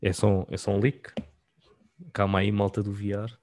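A man's voice: fairly low pitch, little pitch movement, normal speed, a little mellow, slight background noise. A man with a European Portuguese accent chatting casually as a podcast co-host, in informal, slangy language. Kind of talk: casual chat.

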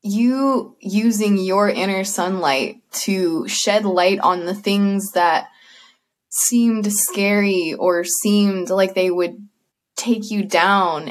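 A woman, a guest energy healer on a video call, speaking earnestly about spirituality in casual chat and laughing often. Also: medium pitch.

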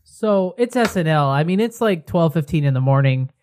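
A man's voice: on the high side, lively intonation, normal speed, noisy background. Male podcast co-host, tipsy, casual and rambling, joking his way along. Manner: rambling, jokey, many fillers. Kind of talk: casual chat.

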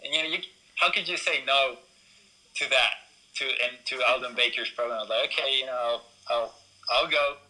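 A man's voice: mid-range voice, normal speed, pushed and bright, rough recording. A young man from Ecuador, a BMX racer, talking casually in an interview with lots of fillers and restarts. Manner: rambling, many fillers and restarts.

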